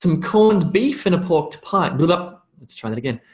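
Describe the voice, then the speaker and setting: Sing-song and a little high, an Australian man's voice guides a learner through English pronunciation online, live, drilling phrases and slowing them down for repetition.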